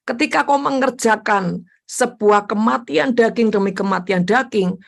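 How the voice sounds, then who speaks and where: A woman evangelist giving a conversational sermon, constantly addressing listeners as brothers and sisters and acting out her own prayers. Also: gravelly. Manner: addresses listeners as "saudara" repeatedly, animated pitch swings. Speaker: evangelist preacher.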